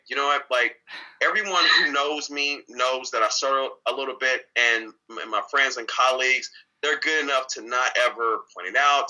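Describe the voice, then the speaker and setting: In a low-quality recording, a man with a medium-pitched, bright, forceful voice talks openly as an interview guest. He comes across as earnest and reflective, often repeating words and beginning sentences again.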